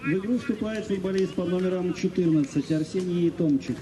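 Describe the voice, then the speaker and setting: A man working as a stadium announcer, making formal, measured public-address announcements. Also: sits high, crowd noise. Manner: measured, formulaic announcing of goals and substitutions.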